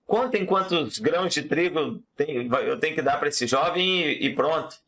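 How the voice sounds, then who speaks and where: A man voicing an impatient, proud king in a storytelling lesson, talking in an excited, demanding way. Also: on the high side, normal speed. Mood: commanding, amazed.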